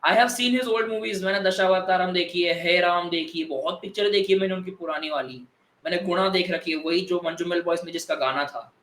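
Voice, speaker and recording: A young man telling movie stories in an animated, excitable way in casual chat, mixing in English phrases. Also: sits high, moderate pace, a little hiss or hum. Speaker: guest.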